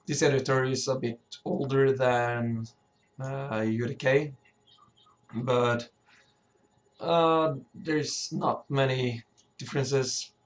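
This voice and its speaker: Male tutorial presenter, slow and hesitant, mid-pitched, voice cracking from sickness. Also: fairly even intonation. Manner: hesitant, often stumbling and throat-clearing. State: sick, sore voice. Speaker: tutorial presenter, level designer. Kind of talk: informal software tutorial.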